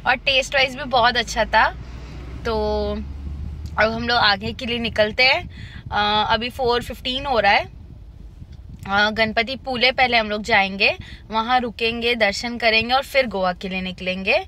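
A woman in her thirties, her voice sitting a little high, chats informally to her phone camera while travelling. She records outdoors, and some faint noise runs under her voice. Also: pushed and bright. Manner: chatty, informal, talks straight to camera. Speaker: travel vlogger. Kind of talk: casual travel vlog narration. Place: outdoors at night by a roadside stall and at a temple. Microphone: phone held at arm's length.

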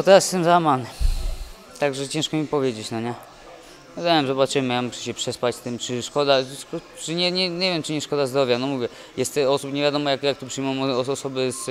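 Standing before a sponsor wall at an indoor event, a young boxer answers post-fight questions into a handheld mic held by the interviewer. He sounds downcast and stop-start, restarting often, trailing off, and correcting himself, his voice at a medium pitch for a man.

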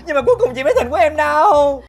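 High-voiced whiny country sister, over-the-top dramatic. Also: female voice, animated, fast talker. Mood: excited. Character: naive, emotional young country woman, the younger sister. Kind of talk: sitcom acting.

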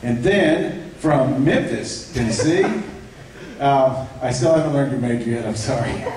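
Guy emceeing a church concert, lots of uhs and little jokes, far off mic, big echo. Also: medium pitch. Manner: halting, many fillers, light joking. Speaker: ensemble director introducing singers. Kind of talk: live concert emcee talk. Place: church sanctuary. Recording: echoey church, distant mic, faint noise.

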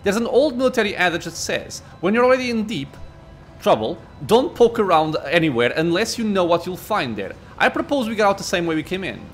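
A man reading out the lines of a dry-witted male seneschal and old soldier, wry and measured. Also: high voice, very animated, soft background music. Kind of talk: reading game dialogue aloud.

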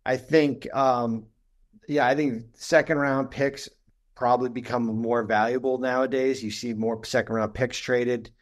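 A man's voice: mid-range voice, fairly even intonation, a little slow. A man co-hosting a webinar, explaining basketball trades in a casual, hesitant way full of ums and rights. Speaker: webinar co-host and basketball analyst.

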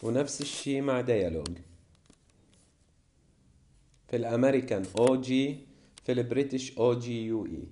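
A male English teacher with a Levantine Arabic accent, explaining vocabulary in a classroom lesson and reading word lists slowly and deliberately. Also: medium pitch, mellow.

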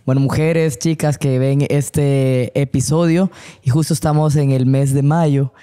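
A man's voice: mid-range voice, fairly even intonation, unhurried, mellow, clean tone. A man hosting a podcast, politely thanking his guest and prompting her with questions. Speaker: podcast host. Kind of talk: interview conversation.

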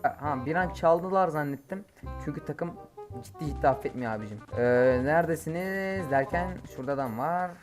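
This slightly high-voiced man plays a mobile game on an emulator at home and narrates it live for his stream. Background music runs as he gets worked up, swearing and shouting at teammates.

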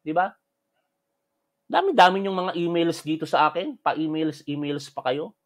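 A man's voice: fairly high pitch, lively intonation, normal speed. A man from the Philippines ranting at his critics in a combative, scolding, mocking commentary. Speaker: vlogger answering critics.

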